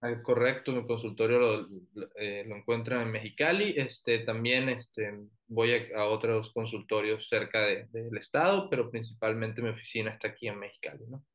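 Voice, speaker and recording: Colombian coastal man, relaxed and hesitant. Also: mid-range voice, normal speed. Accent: Colombian Caribbean coast. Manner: relaxed, frequent fillers and restarts. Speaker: orthodontist guest. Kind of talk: professional interview and presentation.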